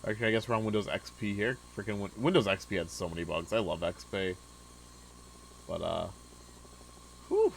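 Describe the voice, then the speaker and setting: A young male gamer with a lowish voice talks through his play in a loose, chatty way, dropping plenty of filler words. He sounds relaxed, close to a desk microphone. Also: brisk, vocal fry, long pauses, slight background noise, rough recording. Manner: laid-back, chatty, many filler "like"s. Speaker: gaming video host. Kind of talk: casual let's-play commentary.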